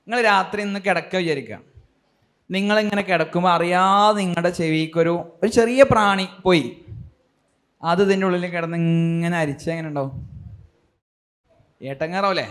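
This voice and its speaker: A man speaks to a school audience in a fairly high voice. He keeps asking his listeners questions and drives his points home with animated emphasis. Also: a little fast, long pauses. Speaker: speaker addressing students. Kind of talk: motivational talk to a school audience.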